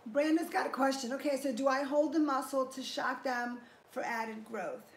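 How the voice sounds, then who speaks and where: An echoey garage serves as a home gym for a middle-aged woman's casual fitness livestream, captured by a fixed camera a few feet away. She talks at a moderate pace in a high-pitched voice with fairly even intonation, upbeat as she thanks viewers and explains her training step by step.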